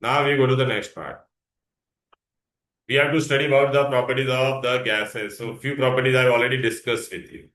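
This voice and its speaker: Male teacher, Indian accent, bright forceful voice, roomy echo. Question-led classroom delivery, English with Hindi words mixed in. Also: medium pitch, fairly even intonation, a little fast. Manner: asks frequent questions, prompting for answers. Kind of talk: interactive classroom science lesson. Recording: echoey, roomy sound.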